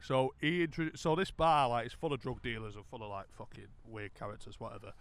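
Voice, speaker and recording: A man's voice: mid-range voice, steady tone, fast, smooth. A British man co-hosting a podcast, telling stories casually in a drunk, rambling, sweary way. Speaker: podcast co-host.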